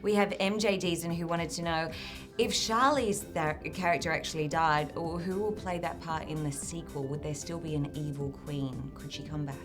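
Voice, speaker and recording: Female host, slightly low voice, chatty and giggly; music playing behind her. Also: fairly even intonation, moderate pace, few pauses. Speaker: entertainment show host. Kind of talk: upbeat interview questions.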